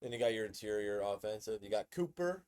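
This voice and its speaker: A man hosting a casual sports commentary video, excitable and conversational, often repeating himself. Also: fairly low pitch, quick pace, smooth.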